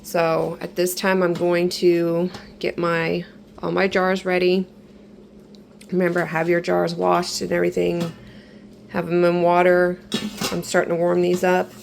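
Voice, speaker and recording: A woman getting over an illness, talking through a kitchen canning tutorial in a relaxed, instructive way and repeating reminders. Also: fairly low pitch, a little slow, creaky, faint music behind, low-quality recording. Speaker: home canning vlogger. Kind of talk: casual step-by-step kitchen tutorial. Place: home kitchen.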